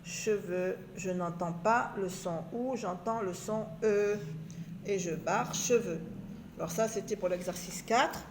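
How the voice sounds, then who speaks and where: A woman teaching beginners to read, sounding out syllables slowly and drawing out each sound. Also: medium pitch, noisy background. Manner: slow, drawn-out syllable sounding. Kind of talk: reading lesson for beginners. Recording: echoey room.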